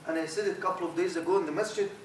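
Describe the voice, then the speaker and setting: A middle-aged imam with an Arabic accent leads a workshop for trainees, speaking rapid-fire in a high, animated voice and often repeating words. He's recorded from a distance across an echoey lecture room, with a faint hiss underneath.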